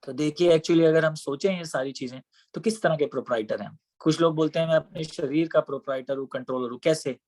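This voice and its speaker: A man giving a devotional scripture class in a conversational way, often asking rhetorical questions. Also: mid-range voice. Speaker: scripture teacher.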